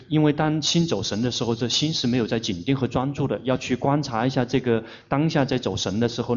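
A man interpreting a meditation teacher's talk, speaking deliberately and searching for words as he renders each phrase. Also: medium pitch, slight background noise. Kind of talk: consecutive interpreting of a dharma talk. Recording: dull lo-fi recording.

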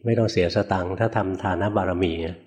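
A man's voice: low voice, steady tone, quick pace, darkish tone. An older man, a Buddhist monk, giving a plain-spoken, folksy dharma talk, asking his listeners questions and chuckling at his own stories.

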